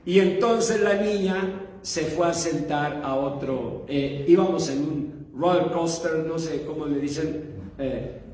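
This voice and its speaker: A male pastor preaching a sermon, telling a story with quick humorous asides and questions to the congregation. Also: on the high side, darkish tone, far from the mic. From Mexico. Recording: echoey hall, voice from afar.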